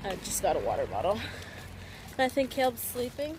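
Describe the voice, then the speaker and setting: A woman's voice: fairly high pitch, huge pitch swings, fairly quick, a little mellow. A young woman from Canada, chatting casually into a phone held at arm's length as she vlogs, rambling with lots of fillers. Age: young adult. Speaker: vlogger. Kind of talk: casual vlog chat. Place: outdoors in parking lots and streets, later a home kitchen. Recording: phone audio with clear street noise.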